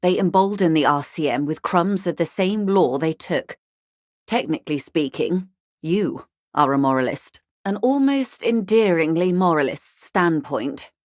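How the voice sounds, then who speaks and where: She is a coolly detached, genteel negotiator from the corporate world, voiced by a woman in a slightly low register as scripted game lines. The delivery is animated but measured, precisely worded and wryly ironic. There is no room sound; the audio is dry.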